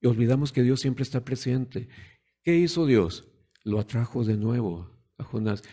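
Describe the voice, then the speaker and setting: A man's voice: mid-range voice, normal speed, dark tone. A man preaching a sermon in a conversational way, putting rhetorical questions to the congregation and acting out the voices of parents and children.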